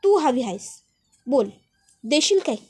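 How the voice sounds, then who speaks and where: A woman voicing a brash, bullying young village man who talks in a rough rural dialect and taunts. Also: high-pitched, sing-song, unhurried, a little mellow, exaggerated voice. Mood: menacing.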